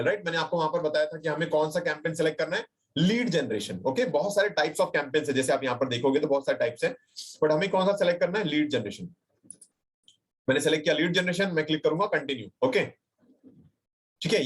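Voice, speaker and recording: A chatty Indian digital marketing trainer runs a live screen-share webinar tutorial, his voice a little high and a bit bright, heard through a computer mic on the call. He speaks Hinglish, mixing in English phrases, fillers and checks like "right?", reassuring viewers, addressing them directly and reading chat replies aloud.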